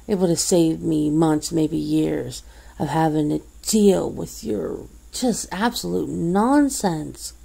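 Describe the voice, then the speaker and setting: Woman acting scornful, fed-up friend, low gravelly voice. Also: mellow, full character voice. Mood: mocking, scornful. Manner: scornful, berating, swearing. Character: fed-up woman coldly cutting off a bad friend. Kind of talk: ASMR role-play, one-sided confrontation.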